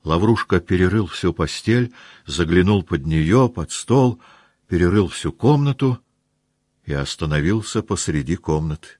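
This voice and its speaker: A man narrating a classic novel as an audiobook in a measured, even storytelling manner. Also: deep voice, no echo, studio quality. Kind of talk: literary audiobook reading.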